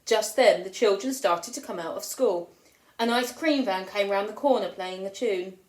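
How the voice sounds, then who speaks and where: Reading aloud to her class at a moderate pace, a woman primary school teacher brings a children's picture book to life in a mid-range voice, pitching up whenever the kids in the story speak. The sound carries a roomy echo.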